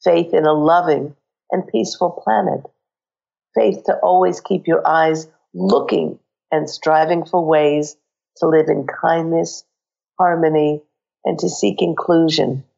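A woman hosting a spiritual radio show, hoarse with a cold and croaky, speaking in an earnest, uplifting way. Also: deep voice, a little mellow, muffled recording.

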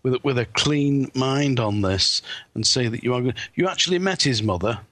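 A man hosting a live call-in psychic radio show, giving readings in a halting way with repeated words. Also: medium pitch, lively intonation, a bit bright, a little hiss or hum.

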